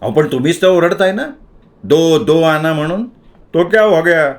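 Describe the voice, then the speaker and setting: A man's voice: fairly high pitch, moderate pace, close to an everyday voice. A man voicing an earnest young man from a village, pleading and protesting his innocence.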